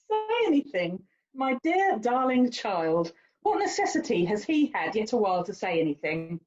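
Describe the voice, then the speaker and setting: On a dull, slightly lo-fi recording, an exasperated woman performs a haughty young lady from a period drama. She lectures in the manner of a worldly, condescending older sister, theatrically stressing her points, her fairly high voice swooping in an unhurried, sing-song, a little mellow way.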